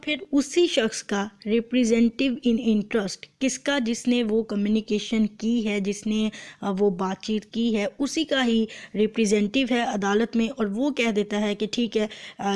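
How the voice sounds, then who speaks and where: This law lecture comes from a woman with a Pakistani accent whose voice is medium in pitch and somewhat dark. She explains carefully and didactically, rendering formal wording phrase by phrase and restating every point.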